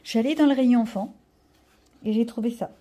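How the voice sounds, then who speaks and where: Husky-voiced chatty woman vlogger. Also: a little high, brisk, warm tone, lo-fi sound. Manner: rambling, chatty, self-mocking asides. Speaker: vlogger showing a coloring-book haul. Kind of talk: casual chat to camera.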